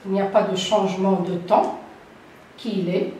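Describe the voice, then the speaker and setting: Slow older woman teaching in an echoey room. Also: medium pitch, fairly even intonation, dark tone, recorded from a distance, slight background noise. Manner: slow, deliberate, repeats key terms. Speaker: French teacher. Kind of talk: classroom grammar lesson.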